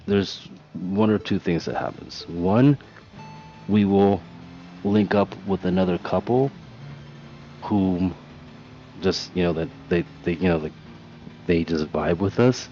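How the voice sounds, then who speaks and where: A man with a low, dark voice chats in a laid-back way and swears without a second thought. The audio is dull and muffled, with faint music underneath. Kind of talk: casual chat.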